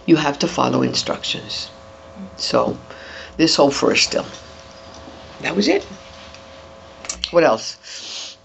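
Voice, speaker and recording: An older entertainer giving an interview, talking in an animated way and demonstrating voices while handing out advice. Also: mid-range voice, slow, gravelly, pauses often. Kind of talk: interview chat. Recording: dull lo-fi, faint noise.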